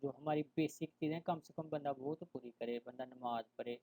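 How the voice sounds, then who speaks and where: A man giving an online Quran reading lesson. He recites verses slowly and loudly, then explains softly and conversationally, mixing in English words. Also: medium pitch, fairly even intonation, rough recording. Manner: mixes English words into his speech. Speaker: Quran teacher.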